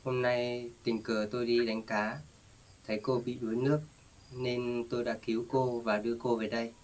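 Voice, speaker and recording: A man acting in a staged rural drama, speaking in a plain, steady, reassuring way. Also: mid-range voice, normal speed. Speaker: vlogger playing the rescuer.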